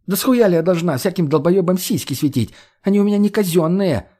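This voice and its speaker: A man's voice: fairly high pitch, lively intonation, a little fast, a little mellow, pitched above the performer's own voice. A man voicing a crude, brash young woman who mocks and swears constantly, in an audiobook. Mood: mocking, crude. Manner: coarse, mocking, swears constantly.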